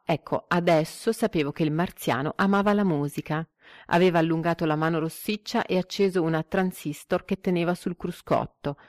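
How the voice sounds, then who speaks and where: A woman reading a literary story aloud in a measured, expressive way, giving the quoted dialogue some life. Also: fairly low pitch, no echo, clean studio sound. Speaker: narrator.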